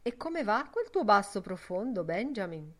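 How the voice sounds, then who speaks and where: A woman's voice: mid-range voice, very animated, moderate pace, fairly bright tone. A woman reading voicing Mister Dedalus, a middle-aged man with a sneering, sardonic manner, in an audiobook.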